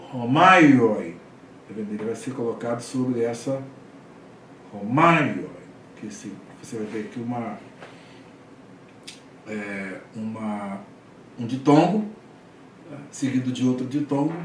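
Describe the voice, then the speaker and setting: A man's voice: mid-range voice, normal speed, darkish tone, slight background noise. A man teaching a class, explaining step by step and often checking in with the students. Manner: explanatory, frequent "tá?" checks, hesitant restarts. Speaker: Greek teacher. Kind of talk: classroom lecture. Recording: echoey room, voice from far off.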